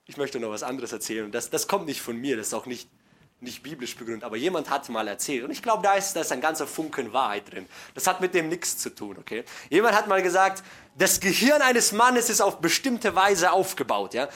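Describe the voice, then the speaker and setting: A middle-aged man preaching a sermon to his congregation, folksy and joking, dropping to hushed asides and then building to loud, emphatic passages. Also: on the high side, sing-song, fairly quick. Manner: folksy, joking, addresses listeners directly.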